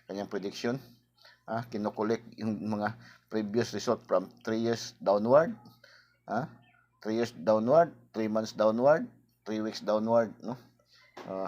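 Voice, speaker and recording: Hoarse man rambling to his viewers. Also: on the low side, a little mellow. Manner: rambling, tags sentences with a questioning "no?". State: hoarse, clearing his throat. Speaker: lottery tip vlogger. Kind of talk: casual chat to viewers.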